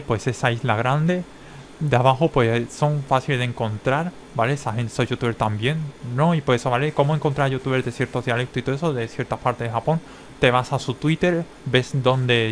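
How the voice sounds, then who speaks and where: A man with a Spain Spanish accent talks casually to his viewers. His explanations wander, and he checks in with the listener after nearly every phrase. His voice sits at a middle pitch over a faint background noise. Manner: rambling, tags many phrases with a questioning check. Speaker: language-learning vlogger.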